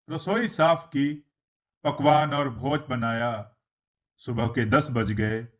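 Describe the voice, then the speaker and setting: Male storyteller, fairly high voice, slow measured narration of a moral tale. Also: a bit bright. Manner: slow, measured storytelling, voicing the characters' quoted lines.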